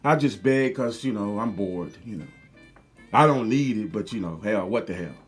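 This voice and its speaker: A man mimicking a bored beggar who begs out of idle habit, in a low careless drawl. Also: lively intonation, moderate pace, husky, faint music behind. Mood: lazy.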